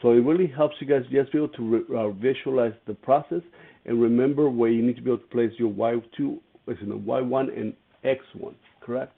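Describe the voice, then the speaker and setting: A man's voice: medium pitch, brisk, creaky, slightly rough. A man teaching an algebra lesson, walking through each step and asking his students questions as he goes. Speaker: math teacher. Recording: tinny phone-like lo-fi audio.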